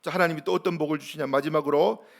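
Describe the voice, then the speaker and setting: A man's voice: a little high, steady tone, very fast, creaky. A man preaching a sermon as pastor, emphatic and full of questions to the congregation.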